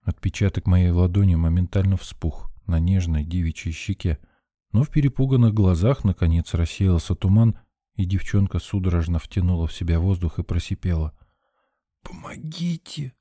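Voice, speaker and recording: A man's voice: sits low, steady tone, fairly quick, mellow, no echo, studio quality. A man reading a first-person story in a tense, urgent narrating voice. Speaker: audiobook narrator.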